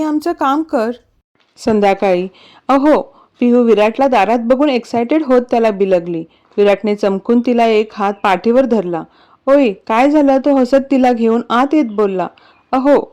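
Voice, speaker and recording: High-voiced woman narrating a story. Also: warm tone.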